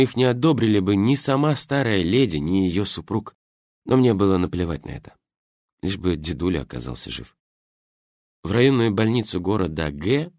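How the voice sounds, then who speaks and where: A man reading a first-person story as an audiobook narrator, with an expressive storytelling delivery. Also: sits low, no room sound, studio quality.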